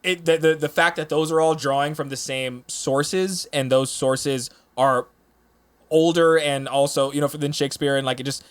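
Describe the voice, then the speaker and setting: A man's voice: a little high, fairly even intonation, moderate pace. A man talking casually on a podcast panel, rambling with lots of restarts and fillers. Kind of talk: casual chat.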